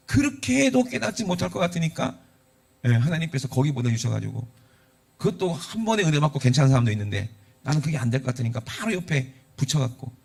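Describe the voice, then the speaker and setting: Guy preaching, gravelly voice, swings up and down a lot, keeps asking the crowd stuff. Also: medium pitch, darkish tone. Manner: conversational preaching with rhetorical questions and acted quotes. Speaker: pastor. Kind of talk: sermon.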